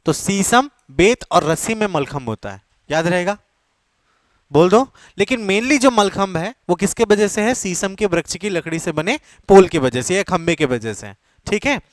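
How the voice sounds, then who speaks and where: A man's voice: sits high, animated, moderate pace, dry recording. A man teaching an exam coaching class, repeating key terms and checking often that students follow, with English words mixed in. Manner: repetitive, keeps checking with students. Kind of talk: classroom lecture.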